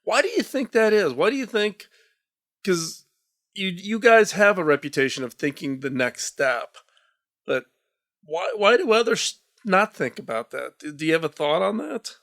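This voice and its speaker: Male host, somewhat high-pitched, lively conversational interviewer with frequent restarts. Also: moderate pace. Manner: animated, repeats words when starting sentences. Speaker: podcast host. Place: trade show floor.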